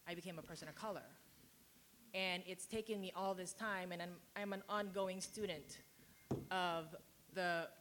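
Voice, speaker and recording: A woman speaks as a community organizer on a panel. Her voice sits fairly low, and she talks in a measured, emphatic way. Faint background noise runs under her words. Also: fairly bright tone. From Philippines. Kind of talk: panel talk.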